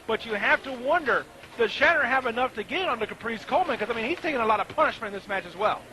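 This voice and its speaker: A man's voice: very high voice, lively intonation, fast. A man giving color commentary on a live wrestling match, explaining moves in a conversational way. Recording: noisy live event recording.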